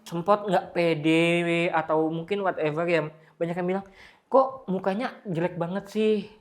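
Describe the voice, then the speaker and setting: A man's voice: high-pitched, a little slow. A young man chatting casually as a podcast guest, pronouncing his r like an l, in short phrases with repeated words. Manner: lisped r, pronounced like l. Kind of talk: casual conversational storytelling.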